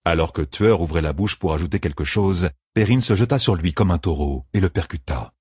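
A man reading a fantasy novel aloud in a steady, measured narration. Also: sits low, breathy edge, no echo, studio quality. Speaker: audiobook narrator.

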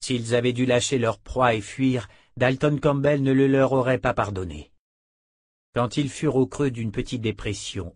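A male narrator reads a dark novel aloud at a steady, measured pace. His mid-pitched voice has a husky grain. The sound is dry and close. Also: no room sound. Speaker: audiobook narrator. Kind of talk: scripted narration.

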